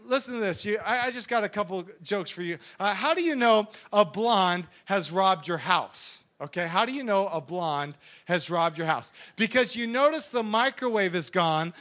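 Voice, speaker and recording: A young man preaching an energetic sermon, animated and joking, acting out silly voices as he goes. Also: high voice, normal speed, few pauses.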